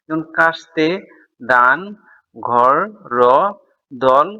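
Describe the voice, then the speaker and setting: A man's voice: medium pitch, steady tone, very slow, pushed and bright, clear, resonant tone. A man teaching a school grammar lesson, explaining step by step and answering his own questions.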